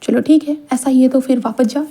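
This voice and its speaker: A woman's voice: high-pitched, fairly quick, mellow, slightly rough. A woman voicing a middle-aged mother who keeps probing and teasing her son.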